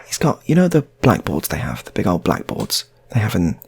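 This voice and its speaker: This man, a channel host and storyteller, has a low, creaky voice with a breathy edge and huge swings in pitch. He improvises a story a little fast, rambling casually and often repeating his phrases.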